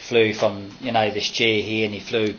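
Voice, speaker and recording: A man's voice: fairly low pitch, flat delivery, moderate pace, fairly bright tone, highs cut off, slight background noise. A man, talking to a handheld camera outdoors at a house in a rambling home-video vlog full of fillers and restarts. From Australia. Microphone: handheld camera mic.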